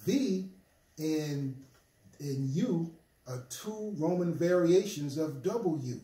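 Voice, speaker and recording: A man's voice: on the high side, animated, extremely slow, mellow. A man leading a casual group discussion, explaining at length and laughing often. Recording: echoey room, mic far off, crowd.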